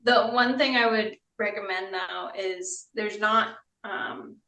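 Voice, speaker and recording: A woman's voice: medium pitch, steady tone, slow, pushed and bright. A woman in a casual, conversational chat. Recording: roomy echo, distant from mic.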